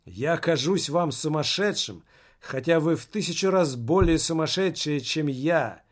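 A man's voice: a little high, lively intonation, a little slow. A man reading aloud as a despairing man who wanted to sacrifice himself, speaking in a bitter, resigned monologue. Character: despairing man, would-be self-sacrificing martyr. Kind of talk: audiobook reading.

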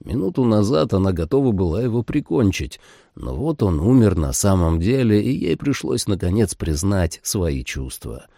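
A man narrates a first-person action audiobook with dramatic flair. His voice is low, dark and gravelly with a husky edge. The pitch swings widely as he tells it. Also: big pitch swings, normal speed, no echo, clean studio sound. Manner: dramatic, voices every character.

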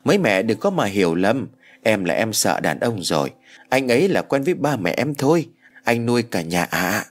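A man's voice: on the low side, sing-song, moderate pace. A man voicing a cheerful, easily flustered young woman neighbor in an audio storybook.

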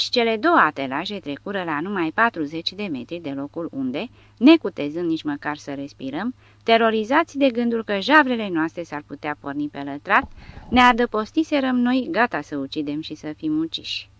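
Low-voiced woman reading an audiobook. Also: lively intonation, fairly bright tone, no echo. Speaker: audiobook narrator. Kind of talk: scripted narration. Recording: dry, dull lo-fi recording.

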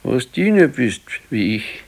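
In a naturalistic radio play, an older man with a Bavarian, southern German accent plays an ailing, stubborn, brooding old husband who is laconic and weary. His mid-range voice is creaky and very animated, heavily acted, at a measured pace.

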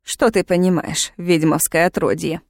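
A woman voicing a pompous, fanatical male witch-hunter who jails a witch, hissing and turning shrill when angry. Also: fairly even intonation, moderate pace, a little mellow, dry recording, studio quality, close to an everyday voice. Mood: furious.

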